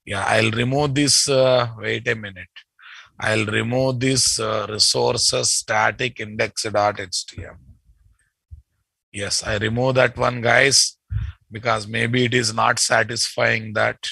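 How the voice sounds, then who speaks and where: Gravelly Telugu-accented man teaching coding. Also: medium pitch, steady tone, slow pace, pushed and bright, no room sound. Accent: Telugu Indian. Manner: repeats phrases, ends with checking tag questions. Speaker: programming instructor. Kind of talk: live coding lesson, addressing students.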